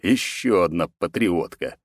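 A man's voice: low voice, lively intonation, measured pace, dry recording, studio quality. A man narrating an audiobook in a wry, ironic tone. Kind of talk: audiobook narration with voiced dialogue.

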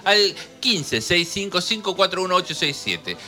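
A man with an Argentine accent hosts a radio show, swinging his voice up and down as he jokes. His tone is piercingly bright and sits a little high. He laughs often while he talks. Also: very animated, normal speed, soft background music. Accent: Argentine Spanish. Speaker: radio host. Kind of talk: jokey radio talk. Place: radio studio.

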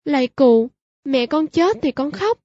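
A woman's voice: high-pitched, animated, a little slow, dark tone, no echo, lo-fi sound. A woman voicing a poor, grieving village widow in a storybook reading, wailing and pleading. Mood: pleading defiant.

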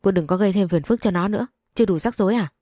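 A woman's voice: lowish voice, steady tone, normal speed, a little mellow, no room sound, studio quality, natural voice. A woman voicing a harsh elderly grandmother who scolds sharply yet dotes on her grandson, in a spoken story. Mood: angry. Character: harsh elderly grandmother, scornful but doting.

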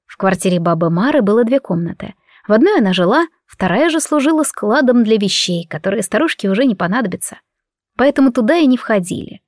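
A woman's voice: on the high side, lively intonation, quick pace, a little mellow, dry recording. Dry, reflective woman reading a story. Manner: reflective, wry. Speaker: audiobook narrator. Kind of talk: first-person audiobook narration.

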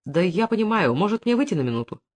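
A reader voicing Konkov, a decent, weary police captain who speaks calmly and glumly. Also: male voice, sits high, quick pace. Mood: kind. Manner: calm, restrained, glum.

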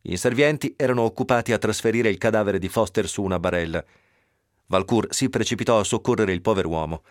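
A man reading a novel aloud on radio in a steady, even storytelling manner. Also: lowish voice, fast, no echo, clean studio sound. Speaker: narrator.

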